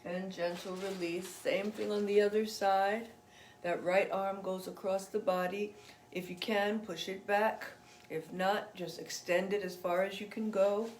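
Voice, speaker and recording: Roomy-sounding woman guiding gentle yoga. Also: mid-range voice, steady tone, unhurried, a little hiss or hum. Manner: chatty and encouraging, with laughs between cues. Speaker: yoga instructor. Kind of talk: guided gentle yoga instruction.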